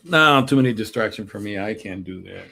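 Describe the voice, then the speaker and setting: Chatty middle-aged man, low voice. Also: expressive, gravelly, sharp tone, rough recording. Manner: rambling, chatty, quick to laugh. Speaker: streaming host and artist. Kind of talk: casual live-stream chat.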